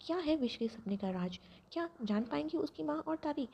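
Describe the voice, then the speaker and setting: A woman reads an audio love story in a steady, plain storytelling voice. Her tone is mellow and gravelly and sits slightly high. The recording is dull and lo-fi. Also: fairly quick, slight background noise. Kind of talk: scripted story narration.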